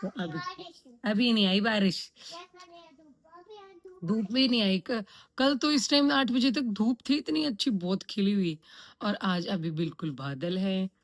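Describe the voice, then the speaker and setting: A woman talking casually into a handheld phone camera as she vlogs her day. Her talk is chatty and full of storytelling, with English words slipped in. The tone stays relaxed and conversational throughout. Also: medium pitch, a little slow, long pauses. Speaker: vlogger. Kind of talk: casual daily vlog. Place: home, then office.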